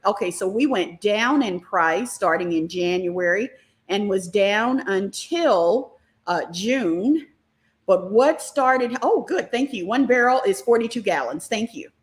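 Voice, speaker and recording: A middle-aged woman hosting a live online stock class, talking fast and animated while she reacts to viewer comments. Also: medium pitch. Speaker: stock market class host.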